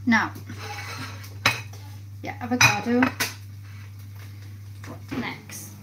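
A woman hosts a cooking livestream from her home kitchen, chatting casually with her live viewers while busy at the stove. Her voice is on the high side with fairly even intonation, and she speaks extremely slowly. A phone camera sits close by on the counter, picking up kitchen noise and pans sizzling behind her.

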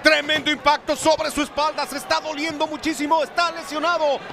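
Mexican man, dramatic wrestling commentator, grandiose shouted delivery, extremely high pitch, huge noisy crowd. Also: flat delivery, a little fast, gravelly. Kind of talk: dramatic live lucha libre commentary. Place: live wrestling event in large indoor arena. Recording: loud arena crowd and music behind voice.

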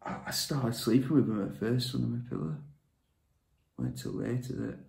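An actor playing a withdrawn man raised by his grandmother, talking in a halting, confiding way that often drops to a whisper. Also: mid-range voice, steady tone, creaky, a little mellow. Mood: confessional. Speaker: actor performing a monologue. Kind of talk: dramatic monologue. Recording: echoey room.

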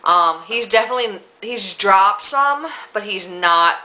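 Bright-voiced pregnant woman, stuffy nose. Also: mid-range voice, animated, measured pace, rough recording. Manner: chatty, rambling, many ums and likes. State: out of breath. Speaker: vlogger. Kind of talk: casual pregnancy vlog.

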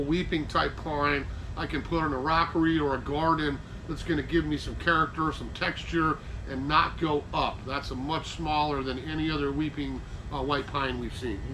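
An older American man with a fairly high voice presents an informal gardening lecture to a nursery class in a chatty, teaching style. He's in a covered wooden garden-nursery structure, and the recording carries noticeable background noise.

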